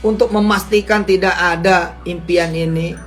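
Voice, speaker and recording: A middle-aged preacher with a nasal voice talks to his audience in a loose, joking way and keeps asking them questions. His voice sits fairly high for a man. Faint music plays underneath. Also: normal speed. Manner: lively, jokey, asks the audience questions. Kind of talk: casual Islamic teaching talk.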